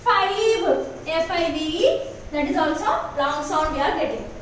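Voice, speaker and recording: Indian English woman teacher, high bright voice, slow patient drilling of words; echoey room with faint noise. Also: animated, far from the mic. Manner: patient, repeats words slowly for children, asks "okay na?". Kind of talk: online phonics lesson for young children.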